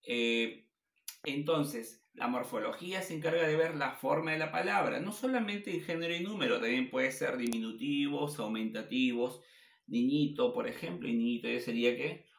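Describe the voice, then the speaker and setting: A male teacher giving a classroom lecture at the board, asking questions and answering them himself, spelling words out slowly. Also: medium pitch, vocal fry. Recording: echoey classroom.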